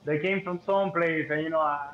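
A young Cuban man with a high voice and a Cuban Spanish accent talks fairly quickly as an animated, chatty podcast guest, repeating words and using "like" and "you know" a lot. The casual conversation plays over a noisy crowd, with dull, echoey, muffled room audio and faint hiss.

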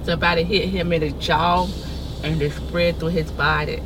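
A woman's voice: low voice, fairly even intonation, moderate pace. A middle-aged woman with a Southern Florida accent and a folksy drawl, chatting casually and repeating her phrases as she rambles. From Florida, United States. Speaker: passenger being interviewed. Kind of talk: casual chat. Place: inside a car. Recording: noisy moving vehicle, road noise.

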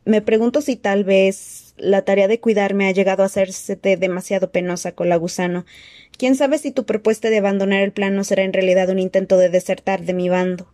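A cold, frail dark lord who hisses his threats slowly and softly, as a woman puts him on. His tone sits dark and mellow, recorded close and dry with no room around it, in a storybook reading. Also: mid-range voice, steady tone, no room sound, natural voice. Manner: slow hissing soft threats. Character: cold menacing weak dark-lord man.

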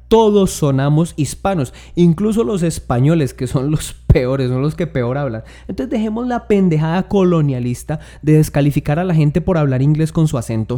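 A man's voice: on the high side, dark tone. A man with a Tolima Colombian accent giving an emphatic, sarcastic comedic rant. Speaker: comedic English-teaching commentator.

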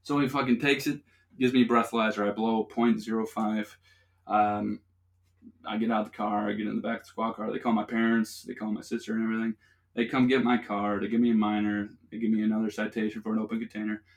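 A young man hosting a podcast tells a rambling, profane story in casual chat, laughing often. His voice is fairly low and gravelly, with a flat delivery and a quick pace.

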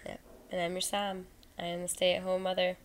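A woman co-hosting a casual chat podcast, easygoing and quick to laugh. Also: fairly low pitch, monotone. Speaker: podcast co-host.

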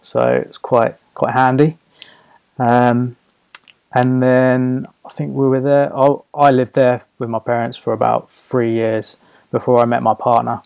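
Creaky-voiced Home Counties English man. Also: medium pitch, little pitch movement, measured pace, darkish tone, dry recording. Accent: southern English, Home Counties. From Hertfordshire, England. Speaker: podcast guest, aviation photographer. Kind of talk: casual interview.

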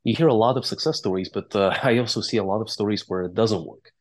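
A low-voiced man, founder and CEO of a game company, tells stories conversationally as an interview guest, talking at a quick pace. His first language is Russian or Latvian.

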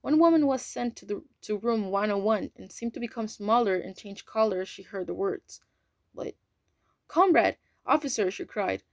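Lady reading a novel out loud, casual, a few slips, dry close sound. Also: mid-range voice, brisk, hardly any pauses, no room sound. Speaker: audiobook reader. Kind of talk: audiobook narration.

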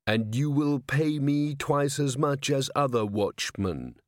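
Man doing a clay golem cop, super slow and flat, every word measured, dry close sound. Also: medium pitch, dry recording, voice pushed up. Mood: earnest. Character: slow, literal-minded male clay golem constable.

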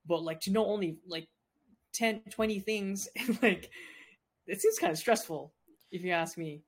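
A man's voice: high voice, moderate pace, slightly rough. A young adult man co-hosting a casual podcast, talking in a laid-back, easygoing way with casual slang. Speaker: podcast co-host. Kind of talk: casual chat.

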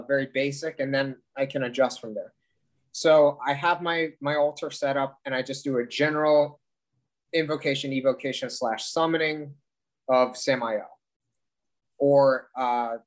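Male podcast guest, medium pitch, casual conversation, halting explanations, thinking aloud. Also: poor audio. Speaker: podcast guest, occult practitioner. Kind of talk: casual interview chat.

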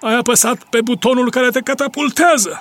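Lamar, a calm wise inventor. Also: male voice, very high-pitched. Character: wise male inventor hero, calm and kind. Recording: hiss under the voice.

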